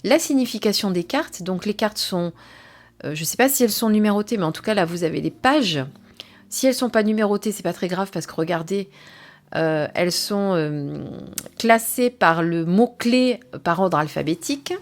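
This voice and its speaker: A woman unboxing and reviewing an oracle card set, talking casually with many pauses and fillers. Her pitch sits in an ordinary middle range, and now and then she drops into soft whispers. She also reads some passages from the guidebook aloud. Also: lively intonation.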